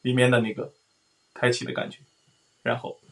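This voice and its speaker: A man's voice: medium pitch, monotone, normal speed. A man teaching a singing lesson, explaining resonance and singing vowels aloud to show it. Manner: explains then sings vowels, loud sung demonstrations.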